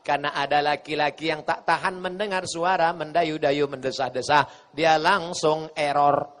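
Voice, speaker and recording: A male preacher gives an animated, joking sermon, acting out voices and chanting verses. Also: on the high side, moderate pace. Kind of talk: humorous sermon with Q&A. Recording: echoey hall.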